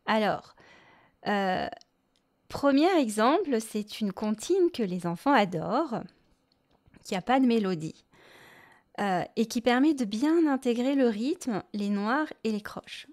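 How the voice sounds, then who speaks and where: A woman from France hosting a music lesson podcast for parents, explaining gently and singing short rhymes. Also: on the high side, animated, takes it slowly. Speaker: music teacher and podcast host.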